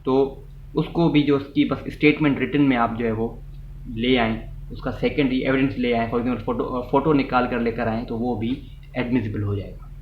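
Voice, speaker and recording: Speaking at normal speed in a steady, mid-range voice, a Pakistani-accented man teaches law informally, restating his points and mixing in English legal terminology. The audio is muffled and echoey, with faint noise.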